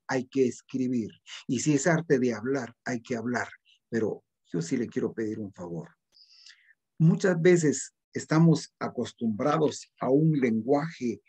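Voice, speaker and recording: A man's voice: mid-range voice, darkish tone, slightly rough. Earnest Guatemalan man teaching literature. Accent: Guatemalan Spanish. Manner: earnest, exhorting, addresses students formally. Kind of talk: recorded class lecture.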